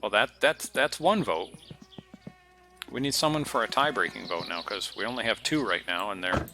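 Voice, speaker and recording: A man's voice: fairly low pitch, normal speed, background noise. A man streaming a game, talking casually and rambling between jokey asides. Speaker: gaming streamer. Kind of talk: casual gameplay commentary. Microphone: headset.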